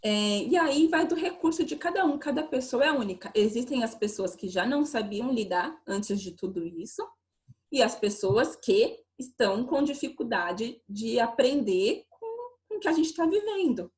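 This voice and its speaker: A woman's voice: fairly high pitch, lively intonation, moderate pace, darkish tone. A woman giving an online lecture over a video call, explaining with many rhetorical questions.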